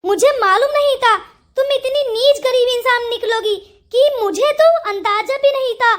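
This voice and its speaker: A woman's voice: extremely high pitch, moderate pace. A woman voicing an angry young ex-wife in a Hindi cartoon story, blunt and accusing. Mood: scolding. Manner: scolding, accusing.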